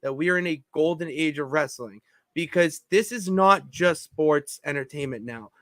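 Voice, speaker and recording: Brief: man, podcast co-host, excitable rambler who keeps restarting sentences, fairly high voice, dry close sound. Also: normal speed, dry recording. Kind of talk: casual chat. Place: home basement.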